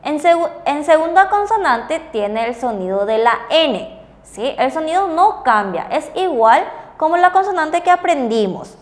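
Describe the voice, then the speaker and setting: High-voiced woman teaching. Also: lively intonation, unhurried, long reverb tail. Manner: patient, checks understanding with frequent rhetorical questions. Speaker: Korean language teacher. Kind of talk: bilingual classroom lesson on TV.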